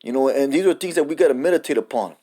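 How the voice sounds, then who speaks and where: A man's voice: mid-range voice, animated, rapid-fire, mellow. Man giving a cursing street-style sermon. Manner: profane, repetitive, says "man" often; reads scripture and definitions aloud. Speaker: preacher. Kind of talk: informal sermon.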